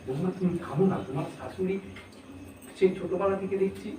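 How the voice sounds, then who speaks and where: A man voicing a middle-aged male village leader who gently coaxes a young wife to stop quarrelling, in a soft, pleading way. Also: high-pitched, fast, lightly acted. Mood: coaxing. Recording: echoey room, distant mic, faint noise.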